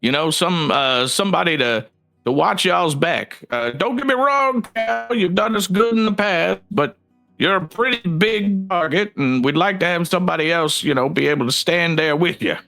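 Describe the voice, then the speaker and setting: A fussy, folksy guild leader rambles through instructions full of hesitations, as a man plays him at a raised pitch. The voice has a gravelly edge. Soft music plays underneath. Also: animated, moderate pace, heavily acted. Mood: earnest.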